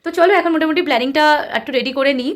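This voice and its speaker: Chatty high-voiced woman vlogger. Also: rapid-fire, no room sound. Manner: chatty, addresses viewers as friends. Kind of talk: casual travel vlog narration.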